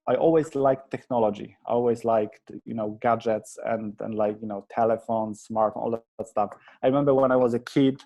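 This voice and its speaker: An agency founder from Poland, a man in his thirties with a Polish accent, describes his career as a guest in a conversational interview, earnest and hesitant with frequent restarts. His voice is mid-range and warm.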